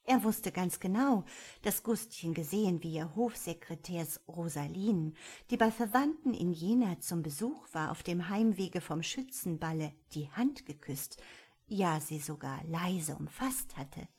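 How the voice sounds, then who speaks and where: A woman's voice: on the low side, animated, unhurried, darkish tone, husky. A woman narrating an old-fashioned story as an audiobook reader.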